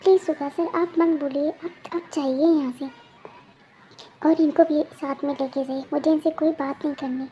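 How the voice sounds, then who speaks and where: A young woman voicing a frightened younger sister in a fan-made story, quiet and pleading. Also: high-pitched, steady tone, moderate pace, muffled recording, a little hiss or hum, lightly acted.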